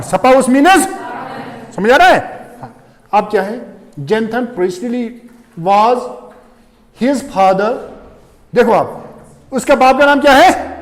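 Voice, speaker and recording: A man with a very high, lively voice teaches an English lesson. He explains each point step by step and keeps asking whether the class understands. His voice carries a long reverb from the classroom. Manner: repeats "do you understand?" often, explains step by step. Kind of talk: classroom lecture.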